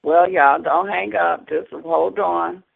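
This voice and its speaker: A man with a fairly high, gravelly voice co-hosts a radio talk show. He speaks slowly and asks probing questions. The sound is thin and tinny, like a phone line. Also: steady tone, no echo.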